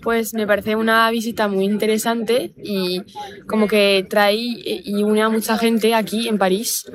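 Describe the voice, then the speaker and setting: A woman's voice: medium pitch, flat delivery, measured pace, a crowd in the background. A young French woman, a student, answering a casual street interview outdoors, hesitant with many fillers. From France. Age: young adult. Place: outdoors by a library.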